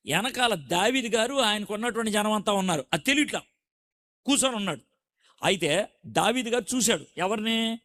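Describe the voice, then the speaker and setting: A middle-aged man preaching a storytelling sermon, quizzing the audience and acting out the scenes with animated delivery. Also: sits high.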